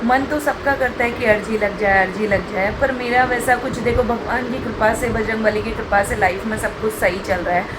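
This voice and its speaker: A woman's voice: on the high side, fairly even intonation, normal speed, few pauses, background noise. A young woman talking casually through a home vlog, chatty and rambling as she explains her day. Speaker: vlogger.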